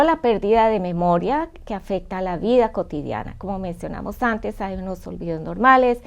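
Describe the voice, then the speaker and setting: A woman hosting an informational talk, explaining warning signs clearly and checking in with her listeners. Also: mid-range voice, darkish tone. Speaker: host.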